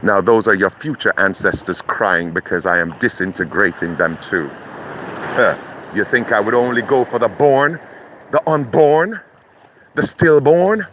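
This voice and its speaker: A man delivering a threatening curse monologue, speaking slowly and breaking into chanted incantations. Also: on the low side, a bit bright, a little hiss or hum, poor audio. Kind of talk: menacing spoken curse monologue.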